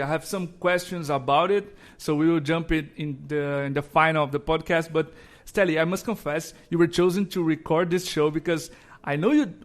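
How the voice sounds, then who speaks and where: A friendly male podcast host from Brazil with a slightly high voice. He speaks in a somewhat halting way and laughs often. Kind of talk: podcast interview.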